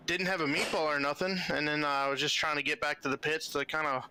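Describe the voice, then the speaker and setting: A man's voice: fairly high pitch, fairly even intonation, fast talker, noisy background. A man who races, talking casually on a race broadcast, apologetic and rambling, full of "man" and "dude". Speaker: racing driver.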